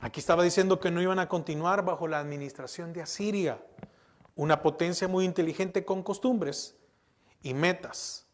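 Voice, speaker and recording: A middle-aged male pastor preaching with a fairly high voice. He puts questions to the congregation and answers them himself, stressing his points with repeated words. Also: moderate pace. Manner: emphatic, repeats words and restarts. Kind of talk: sermon.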